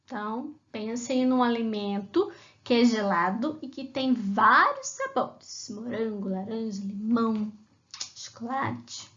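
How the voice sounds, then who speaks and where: A woman's voice: on the high side, very animated, slow, fairly bright tone, dull audio. A woman teacher talking children through a worksheet in a remote class, patient and sing-song when she reads the rhymes aloud.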